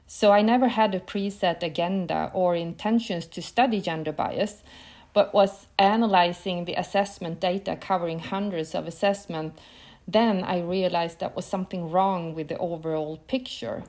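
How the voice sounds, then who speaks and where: Swedish-native woman, 50s, low voice, earnest measured podcast guest. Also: steady tone, a little mellow. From northern Sweden. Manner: careful, earnest, some non-native phrasing. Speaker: guest, professor of entrepreneurship. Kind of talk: podcast interview answers.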